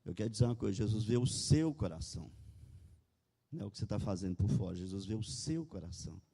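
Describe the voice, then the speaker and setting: Low preacher in a reverberant hall. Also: male voice, expressive, fast talker, vocal fry, warm tone, breathy edge. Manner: reads scripture then retells it, asking for amens. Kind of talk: sermon with guided imagining.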